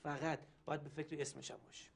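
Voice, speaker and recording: A man's voice: on the high side, little pitch movement, creaky, slight background noise. An actor playing an eager man full of plans, in a TV drama. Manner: eager, planning. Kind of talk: TV drama acting.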